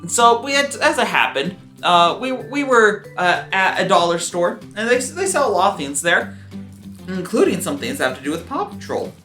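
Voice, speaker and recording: Deadpan rambling gaming commentary, bright edgy voice, roomy sound, soft music behind. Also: mid-range voice, normal speed. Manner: rambling, deadpan storytelling with fillers. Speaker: let's-play co-host. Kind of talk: mock-dramatic gaming commentary. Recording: roomy room with game music.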